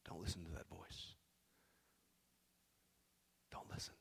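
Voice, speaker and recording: A man preaching a sermon as pastor, swinging from shouted exhortation to hushed, near-whispered pleading. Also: takes it slowly, a little hiss or hum. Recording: long reverb of a large hall.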